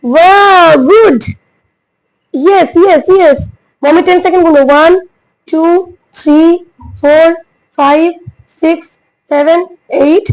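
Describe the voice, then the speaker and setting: A woman with a Bengali accent, hoarse from a cold, talking casually to viewers in a family vlog and coaching a child through yoga. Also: sits high, darkish tone, low-quality recording. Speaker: family vlogger.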